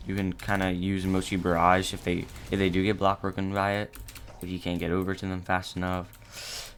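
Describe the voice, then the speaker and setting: A young man narrating a casual gameplay tutorial, halting and low-key with many fillers. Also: slight background noise. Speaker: gaming channel host.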